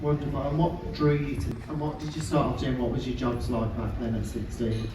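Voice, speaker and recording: Chirpy host in echoey atrium. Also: male voice, mid-range voice, flat delivery, brisk, background noise. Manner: chirpy, showy. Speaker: cruise entertainment host. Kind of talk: stage interview, upbeat banter. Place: ship atrium stage. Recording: echoey onboard atrium, distant mic.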